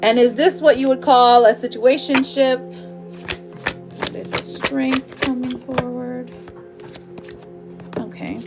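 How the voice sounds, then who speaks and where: With music playing in the background, a woman reads tarot cards on a livestream, talking to her viewers in a warm, chatty, casual way. Her voice is high with little pitch movement, and she speaks slowly, leaving long pauses.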